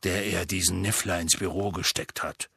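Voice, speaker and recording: A man voicing a gruff, nervous giant gamekeeper in an audiobook, with halting, clipped speech. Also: deep voice, steady tone, sharp tone, dry recording, clean studio sound, pitched below the performer's own voice, heavily acted. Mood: indignant. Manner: hesitant, halting. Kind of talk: audiobook character voice.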